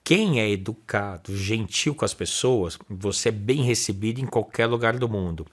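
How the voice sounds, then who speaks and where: A man's voice: on the low side, normal speed. A man with a Brazilian Portuguese accent hosting a podcast interview, chiming in often and sharing his own stories. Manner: friendly interjections, reflective anecdotes. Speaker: podcast host. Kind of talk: casual interview chat.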